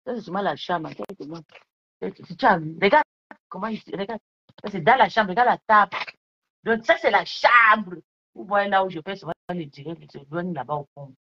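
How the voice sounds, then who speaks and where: A woman's voice: mid-range voice, lively intonation, moderate pace, pushed and bright, no room sound, lo-fi sound. Boastful woman ranting on a live stream. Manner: boastful and combative, taunting rivals; rambling with repeated questions to viewers. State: drinking wine while talking. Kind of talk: casual live-stream rant. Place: her bedroom at home.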